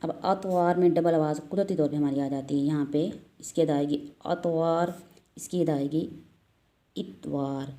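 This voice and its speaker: A woman with a Pakistani Urdu accent, teaching Quran reading step by step, patiently repeating letter sounds slowly. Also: sits low, steady tone, warm tone. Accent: Urdu-speaking, Pakistani. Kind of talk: step-by-step recitation lesson.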